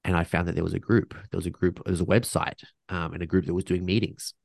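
A man's voice: low-pitched, level tone, quick pace, vocal fry, no echo. A man speaking as a podcast guest in casual conversation, reflective and earnest, restarting sentences often and sprinkling in slang.

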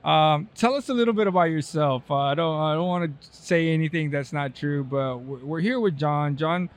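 A man's voice: a little high, normal speed. A man guest-hosting a podcast at a trade show, chatting casually with a guest and joking, often restarting his words. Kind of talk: casual interview chat.

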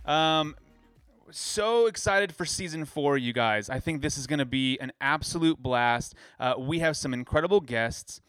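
A man from California hosts a podcast with eager enthusiasm, rambling and dropping fillers along the way. His voice is mid-pitched, smooth and clear. The sound is dry and close to the mic. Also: measured pace, a bit bright, no room sound, faint music behind. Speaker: podcast host. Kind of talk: casual podcast chat.

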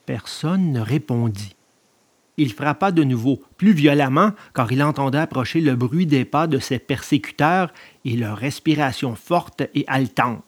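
A storyteller reading a children's tale aloud with expressive, deliberate delivery. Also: mid-range voice, a little hiss or hum. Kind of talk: storybook narration.

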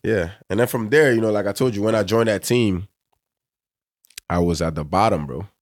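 A man's voice: on the low side, normal speed, no room sound, studio quality. A young man with a West African accent, chatting casually as a podcast guest in a laid-back, slangy way, dropping "bro" constantly. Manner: laid-back, slangy, says "bro" and "you know what I'm saying" constantly. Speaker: pro soccer player, guest.

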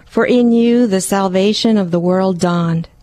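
A woman's voice: medium pitch, measured pace, mellow. A woman who is a guest in a radio studio, speaking carefully and with some fillers. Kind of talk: radio interview and read prayer.

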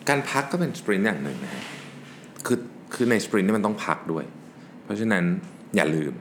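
A man with a low, deep voice gives a relaxed solo talk on working better. He explains things casually, slipping English work terms into his sentences. A faint background noise sits under his voice. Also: quick pace. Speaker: podcast host and business owner.

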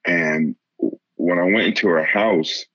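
A man from the area, telling a story in casual conversation, halting with many restarts and laughing now and then. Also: low-pitched, sharp tone, no echo. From Boston area, Massachusetts. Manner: laughs while telling stories. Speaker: interviewee. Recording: dull lo-fi sound.

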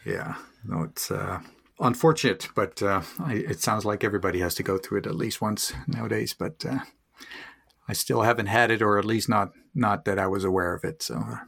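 A man co-hosting a podcast in easygoing casual chat, talking in halting phrases with frequent pauses. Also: on the low side, creaky, fairly bright tone, husky. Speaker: podcast co-host.

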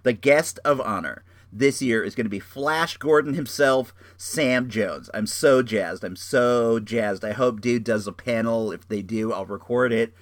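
A man's voice: mid-range voice, moderate pace, hardly any pauses, dry recording, studio quality. A middle-aged man hosting a show with casual, rambling reviews, enthusiastic and slangy, often repeating his phrases. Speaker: show host.

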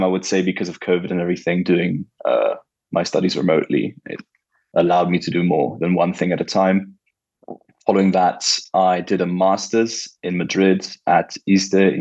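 A man's voice: low voice, gravelly, darkish tone, breathy edge, dry recording, muffled recording. A young man from Italy and Germany answering interview questions casually, with many fillers. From born in Italy, raised in Germany. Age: young adult. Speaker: guest, legal counsel.

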